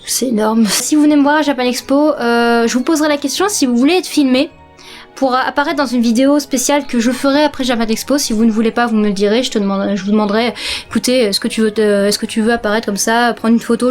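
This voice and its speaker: A girl in her late teens chats to the camera from her bedroom, her voice a touch high. She talks loosely and hesitantly, stopping often to search for words. Soft music plays faintly underneath. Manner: chatty, hesitant, many fillers. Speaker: vlogger. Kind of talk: casual vlog chat.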